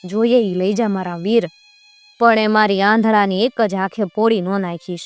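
A woman's voice: medium pitch, steady tone, a little slow, soft background music, close to an everyday voice. A woman voicing a desperate mother begging a bandit in a folk tale. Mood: pleading. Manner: pleading. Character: desperate pleading mother of the groom.

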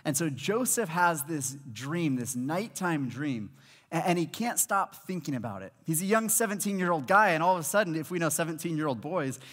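His voice is fairly high and moderately paced as he preaches animatedly through a headset mic, acting out the voices in his stories. He is a Malawian high school pastor in his thirties, on the stage of a large church auditorium with an audience, and the sound carries the long reverb of a large hall.

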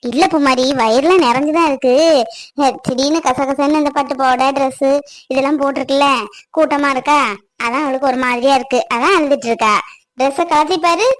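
A young cartoon mother , voiced by a woman, talks in a high, bright voice that soothes and scolds. The recording is close and dry, straight into the mic. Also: fairly quick, no echo, natural voice. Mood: soothing. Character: young mother, then a sulking wife. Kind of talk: cartoon voice acting.

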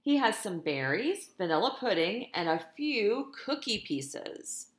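Her mid-range voice carries through an echoey room at home as she reads a picture book to small children. This storytime teacher takes her time, staying expressive and deliberate while speaking straight to the kids.

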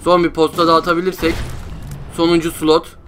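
A man's voice: fairly high pitch, completely flat delivery, fairly quick, a bit bright, soft background music. A young man giving frustrated gameplay commentary, groaning and repeating himself. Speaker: gameplay streamer.

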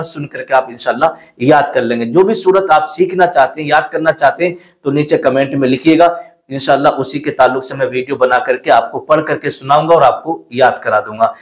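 A young man teaching Quran recitation, who explains common mistakes plainly and then recites the verses slowly and carefully. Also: medium pitch. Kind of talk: patient recitation lesson.

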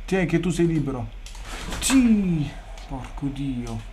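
A man streaming a sports video game, chatting casually, swearing freely and bursting into loud excited shouts. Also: medium pitch, slow pace, slight background noise. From Italy. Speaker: gaming streamer. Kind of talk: casual gameplay commentary.

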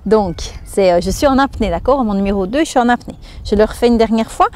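Fast and a little mellow at medium pitch, this woman in her thirties instructs a fitness class in a Belgian French accent. While demonstrating each exercise, she counts it out and breathes through it as she explains.

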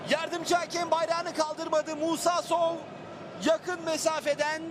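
A man commentating live on a football match in short, clipped phrases with an excited, raised voice. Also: very high voice. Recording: loud stadium crowd noise behind voice. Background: roaring football crowd.

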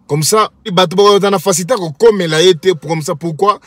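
Sitting in a parked car, a man films himself at arm's length with his phone and delivers scornful, insulting commentary in Lingala and French. His voice is high, fairly bright and quick, in a dry recording, typical of a mocking commentary vlog.

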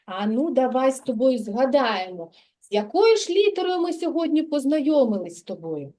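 Woman, kindergarten teacher, high voice, patient, sing-song, praising. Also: big pitch swings, normal speed, dark tone. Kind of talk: literacy lesson with a child. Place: kindergarten classroom.

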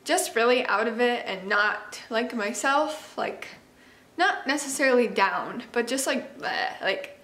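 A woman in her 20s vlogs about homemaking from her kitchen, chatting to the camera in an informal, rambling, self-deprecating way. Her voice is fairly high and fairly bright, and she's unhurried. The camera mic sits about arm's length away or further, and the open kitchen sounds echoey.

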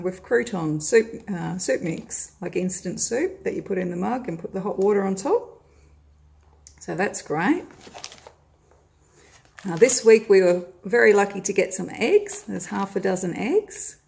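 Filming her groceries from overhead on her phone, this middle-aged Australian vlogger chats away at a table indoors at home. Her mid-range voice is animated yet measured, creaky and a touch mellow. Her friendly, casual talk is full of "uh."

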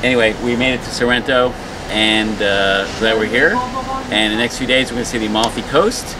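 A man's voice: mid-range voice, fairly quick. A middle-aged man narrating a travel vlog and talking to the camera outdoors by a railway platform, wry and emphatic. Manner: wry, emphatic, repeats for effect. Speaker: travel vlogger. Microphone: camera held close, face in frame. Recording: loud outdoor background noise.

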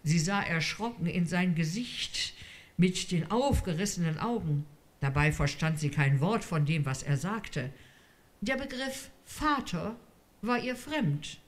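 Female reader, unhurried literary read-aloud, calm and measured. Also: lowish voice. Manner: slow, measured storytelling.

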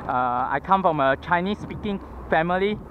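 Riding a scooter along a city roadside pavement, a Singaporean vlogger chats casually in Singaporean English, thinking aloud with fillers and panting a little from the effort. His voice is high, animated, and at normal speed. A head-mounted action camera mic gives lo-fi audio full of passing street traffic.

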